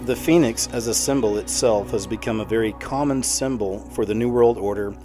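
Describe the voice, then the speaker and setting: A man's voice: lowish voice, a little fast. Male narrator over background music. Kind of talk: scripted commentary narration. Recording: music under the voice.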